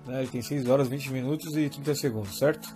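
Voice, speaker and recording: Quick-talking Brazilian man explaining steps. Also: mid-range voice, dark tone, soft background music. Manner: explains step by step, often checking in with "tá?" and "né?". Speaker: app tutorial presenter. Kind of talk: casual spoken app demonstration.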